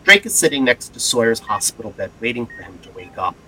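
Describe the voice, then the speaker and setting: Bright, animated male drama narrator. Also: mid-range voice, fast, a little hiss or hum. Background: background music.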